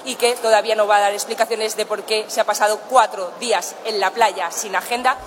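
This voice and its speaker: A woman's voice: medium pitch, steady tone, a little fast. Indignant woman politician, noisy room. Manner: indignant, insistent. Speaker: opposition spokesperson. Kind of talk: political statement.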